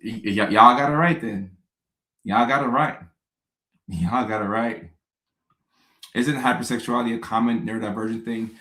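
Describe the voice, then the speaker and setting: A man, hosting a casual live stream and answering viewer questions in a relaxed, chatty way with joking asides. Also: on the low side, echoey room, low-quality recording.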